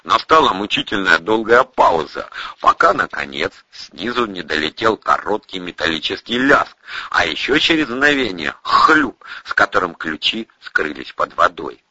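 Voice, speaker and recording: A man narrating an audiobook in a steady storytelling manner. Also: low voice, normal speed, husky, dry recording, lo-fi sound.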